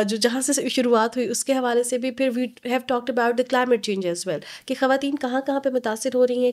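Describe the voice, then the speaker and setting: A young woman hosting a podcast, with a fairly high voice. She moves between Urdu and English mid-sentence, and her English phrases come slower and more deliberate. She wraps up the show with a friendly, formal sign-off. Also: darkish tone. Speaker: podcast host.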